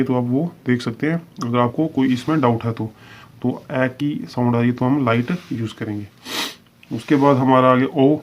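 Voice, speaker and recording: A man teaching a shorthand lesson, explaining each example patiently and repeating his phrases, drawing out the example words. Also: medium pitch. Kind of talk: step-by-step video lesson. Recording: dull, lo-fi recording.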